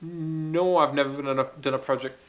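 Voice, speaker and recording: Guy who grew up in spain doing a casual q&a vlog, thinking out loud, keen and chatty. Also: a little high, steady tone, moderate pace. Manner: chatty, enthusiastic, thinking aloud. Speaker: car-building YouTuber. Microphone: small camera-mounted mic.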